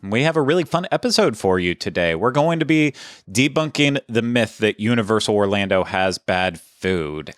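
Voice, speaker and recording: A man's voice: lowish voice, fairly bright tone, no room sound, clean studio sound. A man hosting a casual podcast, talking in a chatty, rambling way with frequent restarts. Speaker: podcast host.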